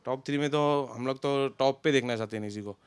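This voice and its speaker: A man's voice: mid-range voice, a little fast, clean tone, dry recording, studio quality. A young man, chatting loosely as an interview guest about a friend. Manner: relaxed, talks in loose run-on sentences. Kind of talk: casual interview chat.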